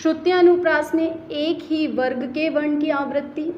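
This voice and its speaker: A woman with a high voice teaches an exam-prep grammar lesson, asking questions and answering them herself. The recording is roomy and sounds slightly dull. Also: fairly even intonation, unhurried, a little hiss or hum. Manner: explanatory, asks rhetorical questions and answers them; repeats "okay" to pace points.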